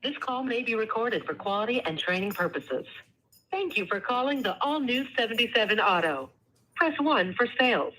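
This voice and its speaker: A woman's voice: a little high, expressive, normal speed, bright, forceful tone, a little hiss or hum. Woman's recorded phone menu message. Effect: recorded phone menu message over a phone line. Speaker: automated phone greeting. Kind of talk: scripted announcement.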